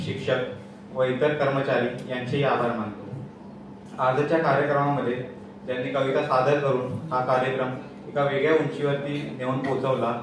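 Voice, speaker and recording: A young man, the event secretary, giving a formal vote of thanks and listing each person in turn. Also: mid-range voice. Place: large echoey hall on stage. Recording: echoey hall from far off, clear noise.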